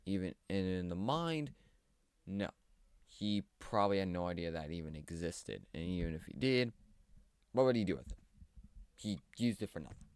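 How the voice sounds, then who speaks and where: Male commentator, lowish smooth voice, hesitant and filler-heavy, dry close mic. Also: very animated, normal speed, long pauses, a little mellow, no echo. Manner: rambling, hesitant, lots of fillers. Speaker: video commentator. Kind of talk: casual commentary on a cartoon series.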